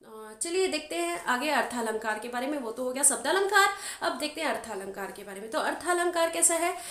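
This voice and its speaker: A high-pitched woman gives a grammar lesson for exam preparation. She explains patiently, keeps checking that the listener follows, and slows right down to recite verse examples. Her voice rings with the echo of a roomy space. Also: lively intonation, fairly bright tone. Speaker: Hindi grammar teacher.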